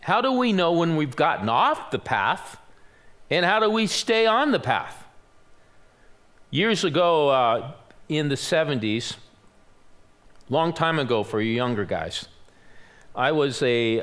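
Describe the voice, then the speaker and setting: A man's voice: medium pitch, very animated, a little slow, fairly bright tone. A man in his sixties preaching a sermon in a church. He tells a story with self-deprecating humor and acts out the voices of the people in it. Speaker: pastor. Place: church sanctuary.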